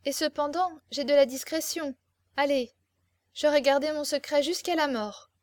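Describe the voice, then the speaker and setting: A woman voicing a naive, excitable young girl full of romantic dreams, talking with eager, breathless pleading in an audiobook reading. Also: high voice, normal speed, no room sound, clean studio sound, pitched above the performer's own voice, close to an everyday voice. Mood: excited.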